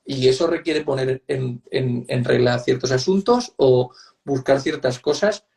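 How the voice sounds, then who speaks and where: A man with a Spain accent, guesting as a psychotherapist in an online interview, speaks at a measured pace in a medium-pitched, somewhat mellow voice with vocal fry. He's emphatic and conversational, repeating points and often checking agreement with tag questions.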